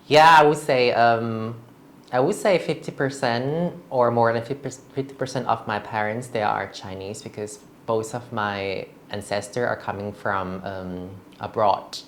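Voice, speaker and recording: Slow, halting woman from Thailand. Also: a bass voice, a little hiss or hum. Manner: hesitant, halting, frequent restarts. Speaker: interview guest. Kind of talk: candid personal interview.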